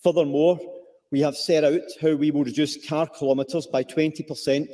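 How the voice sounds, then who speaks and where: Scottish guy w broad accent reading a formal political speech, highish soft-edged voice, big echoey room. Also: fairly even intonation, normal speed. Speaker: government politician. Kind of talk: formal parliamentary speech, read out. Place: large parliament chamber. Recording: echoey parliament chamber, played from video.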